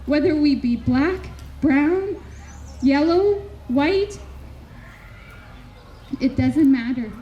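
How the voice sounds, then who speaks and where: A woman from Canada giving a heartfelt public address at a community memorial gathering, speaking slowly and earnestly with measured pauses between phrases. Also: high-pitched, expressive. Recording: dull lo-fi recording with faint background noise.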